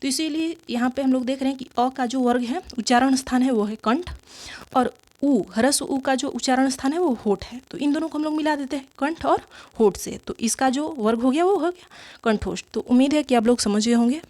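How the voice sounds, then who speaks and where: A woman's voice: sits high, fairly quick, darkish tone. A woman teaching an exam-prep grammar lesson, explaining step by step, repeating key terms and answering her own questions. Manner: asks the class questions and answers them herself.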